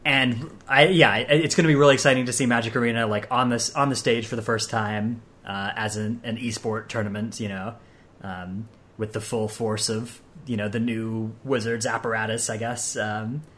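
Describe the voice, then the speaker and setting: A man's voice: lowish voice, steady tone, normal speed, a bit bright. A man hosting a podcast, chatting casually with lots of hesitations and fillers. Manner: rambling, hesitant with many fillers. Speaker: podcast host.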